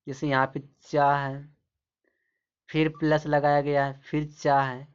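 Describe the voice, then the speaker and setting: A teacher walks through a basic lesson and keeps repeating key points. The teacher asks rhetorical questions and answers them right away. The pitch sits mid-range, and the recording is a little dull and lo-fi. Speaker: English teacher. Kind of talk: classroom-style explanation to camera.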